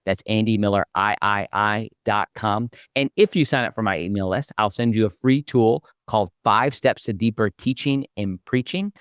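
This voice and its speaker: A man's voice: on the low side, clear, resonant tone, dry recording, clean studio sound. A man hosting a podcast interview, talking in an upbeat, promotional way. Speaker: podcast host.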